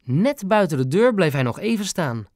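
A man narrating a children's audiobook in a lively storytelling manner. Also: high-pitched, moderate pace, dry recording, studio quality.

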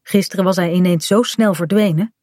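A woman reading a children's story aloud, gentle and clear. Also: lowish voice, steady tone, brisk, dry recording, studio quality.

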